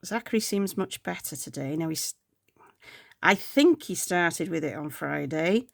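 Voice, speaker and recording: Congested and with a sore throat, a woman who vlogs about planners talks casually while planning, rambling and occasionally murmuring to herself. Her voice is low, gravelly and animated yet unhurried, captured in clean studio sound with no echo.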